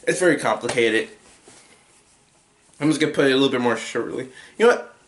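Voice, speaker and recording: A man's voice: mid-range voice, lively intonation, fairly quick, reverberant, a little hiss or hum. A young man giving a casual, rambling movie review at home, full of restarts and filler words. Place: home room with a TV.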